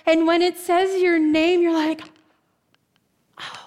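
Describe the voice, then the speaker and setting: A woman preaches with a high, bright-pitched voice. She tells the story conversationally, drops asides to the congregation and acts out the lines of the people in it. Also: flat delivery, unhurried. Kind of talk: sermon.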